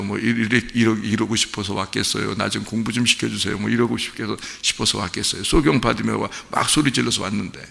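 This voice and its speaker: A man's voice: on the low side, vocal fry, sharp tone. A male pastor preaching a sermon in a conversational way, keeping up a stream of questions to the congregation. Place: church sanctuary. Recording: long reverb of a church hall.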